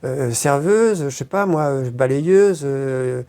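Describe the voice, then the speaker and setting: A woman's voice: very deep voice, animated, takes it slowly, dark tone. A woman being interviewed, telling stories in a rambling casual way, with many hesitations and crude slang. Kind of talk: casual storytelling.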